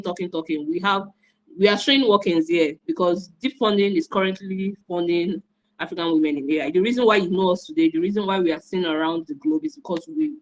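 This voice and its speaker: Hosting a video-call event as its moderator, a woman from Nigeria speaks in a mid-range voice, repeating herself with enthusiasm and encouragement. The recording sounds rough.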